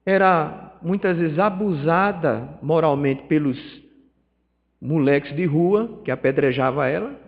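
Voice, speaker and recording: With a fairly high voice and a slightly slow pace, he lectures a spiritist study group in Pernambuco Portuguese, inside a spiritist centre's meeting hall. The Northeast Brazilian speaker animates his stories with acted dialogue and emotional swells, on a dull, reverberant recording.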